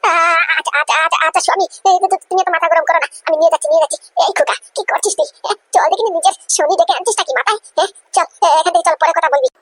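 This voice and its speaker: Fretful mum played by a woman, very high voice, pleading and hushing. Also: rapid-fire, few pauses, no echo. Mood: anxious. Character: anxious mother hushing her son.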